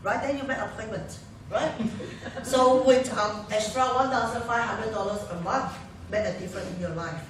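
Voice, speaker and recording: A woman in her forties giving a lively sales talk at a business seminar, often acting out little dialogues and laughing along with them. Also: on the high side, moderate pace, a little hiss or hum. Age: 40s. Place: hotel function room. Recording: echoey hall, distant mic.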